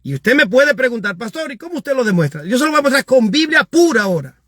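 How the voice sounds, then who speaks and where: Man, pastor, emphatic preaching, high voice, dry close sound. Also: very animated, fast, dry recording. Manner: emphatic, rising to shouts on key points. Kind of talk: preaching while reading viewer comments.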